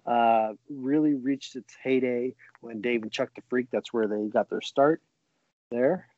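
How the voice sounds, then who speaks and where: A man's voice: mid-range voice, warm tone, no room sound. Laid-back man, dull dry sound. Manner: laid-back, halting with many fillers. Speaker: podcast co-host. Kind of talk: casual chat.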